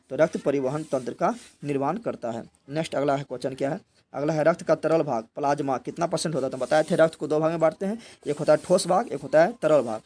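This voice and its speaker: Young guy w a teaching exam prep, kinda high voice, keeps asking n answering his own questions. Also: mellow. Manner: repeats each point as a question, then answers it.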